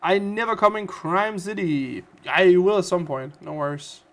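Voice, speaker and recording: A man's voice: sits high, moderate pace, fairly bright tone. A man with a Danish accent hosting a casual gaming livestream, chatty and playful as he reads out and answers viewer comments. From Denmark. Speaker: livestream host.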